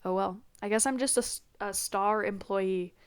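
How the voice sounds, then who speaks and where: At a moderate pace, a young woman with a clear, resonant mid-range voice chats through her first podcast on a laptop's built-in mic. She's congested and rambles in a scattered, self-deprecating vlog manner, with no room sound.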